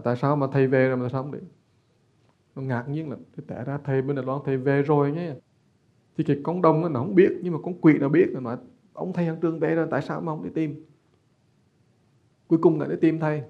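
A man, a Buddhist teacher telling a story in a dharma talk, animated and often repeating words, on a slightly dull recording. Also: mid-range voice.

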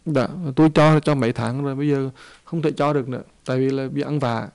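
A man voicing an exasperated innkeeper who complains loudly and rapidly about a woman begging at his shop. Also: medium pitch, steady tone, dry recording, close to an everyday voice. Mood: complaining. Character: exasperated middle-aged male innkeeper, complaining.

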